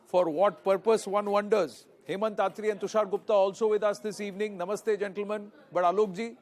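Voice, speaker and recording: A man's voice: sits high, steady tone, fairly quick, darkish tone. A man with an Indian accent anchoring live news from a newsroom, stressing and repeating key phrases emphatically.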